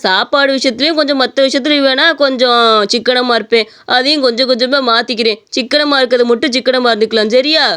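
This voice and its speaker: A voice actor with a Tamil accent playing a stingy, calm husband in a cartoon story, talking things through. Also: high-pitched, quick pace, clean tone. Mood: earnest. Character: stingy middle-aged husband, calm and penny-pinching.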